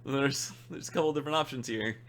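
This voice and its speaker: Bright-voiced man, laughing player. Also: medium pitch, quick pace. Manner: laughing, exasperated. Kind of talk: casual game chat.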